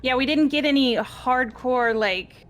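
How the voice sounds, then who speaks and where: A woman with a high, slightly bright voice speaks at a measured pace. She's a video game player in a casual group chat, reasoning through a game mystery with her friends.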